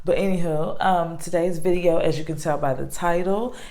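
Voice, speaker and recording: A woman's voice: lowish voice, fairly even intonation, normal speed, a little mellow. A young woman chatting casually to camera in a rambling way, full of fillers and restarts. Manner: rambling, filler-heavy, self-interrupting. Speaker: vlogger.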